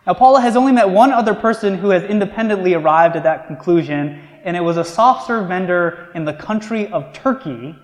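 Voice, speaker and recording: A man preaching a sermon, telling a story in a conversational way and then slowing down to stress key words. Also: sits high, expressive. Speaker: pastor. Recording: echoey church hall.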